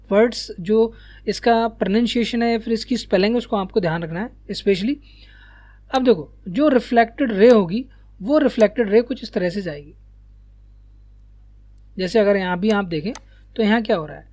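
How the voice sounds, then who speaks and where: A man's voice: high voice, a little mellow. Man teaching physics, checking in often. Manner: repeats checks like "ठीक है" and "ध्यान रखिएगा", sprinkles English terms. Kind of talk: explaining a diagram to students.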